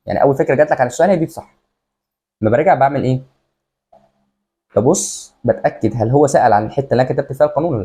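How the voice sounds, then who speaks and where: A man's voice: on the high side, a little mellow. A young man with an Egyptian Arabic accent, casually walking students through exam tips, repeating each step aloud. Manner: rapid, repetitive, walks through steps aloud.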